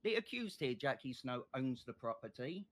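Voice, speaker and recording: A man playing a state prosecutor in an online courtroom role-play, making a passionate, deliberate closing argument. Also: mid-range voice, big pitch swings, fairly bright tone. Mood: accusing, impassioned.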